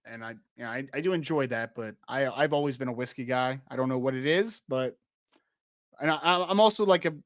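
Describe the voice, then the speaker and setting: A chatty young podcast host, his voice medium-pitched and a little worn as if he's losing it, talks briskly on a live-stream podcast and reads from the chat. He rambles, laughs easily, restarts often, and says "like" a lot, and the recording is dry and close.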